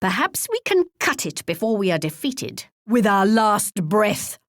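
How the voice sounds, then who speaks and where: A woman's voice: mid-range voice, big pitch swings, a little slow, no echo, clean studio sound. An actress playing a regal, wry English queen in a video game, with a British accent and a pompous, formal, archly polite delivery. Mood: stately, wry. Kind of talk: theatrical video game character voice lines.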